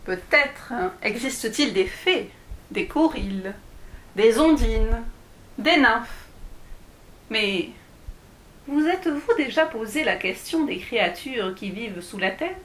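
Une femme qui lit un conte pour enfants à voix haute, sur un ton doux et posé. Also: female voice, on the high side, animated. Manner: slow, gentle storytelling. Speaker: storyteller. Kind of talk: reading a children's tale aloud. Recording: echoey room.

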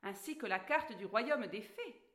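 A woman voicing Alice, an eager young girl who pleads and begs in a storybook reading, speaking in a raised, excited voice. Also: a little slow, echoey room. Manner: high, excited, pleading delivery.

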